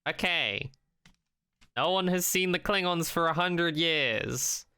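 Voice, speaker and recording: On the high side and slow, this man's voice is pushed, bright and smooth, recorded with no echo. Co-hosting a podcast, he chats casually and jokingly about sci-fi television, using blunt, comically exaggerated emphasis.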